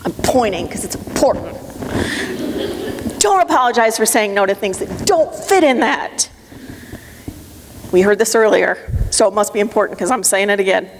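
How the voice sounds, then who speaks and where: A woman's voice: mid-range voice, animated, normal speed, long pauses. A middle-aged woman giving a live motivational talk to an audience, emphatic, direct and coaching. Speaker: motivational speaker. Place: conference room with audience. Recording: long hall reverb, faint noise.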